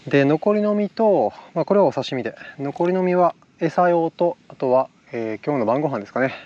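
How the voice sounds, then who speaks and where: A man's voice: on the high side, fairly quick, dull audio. A man with a slight Kansai accent, talking casually and cheerfully to the camera as a fishing vlogger outdoors, laughing often. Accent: slight Kansai dialect. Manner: upbeat, excitable, laughs often. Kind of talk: casual outdoor vlog narration. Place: outdoors on an island shore.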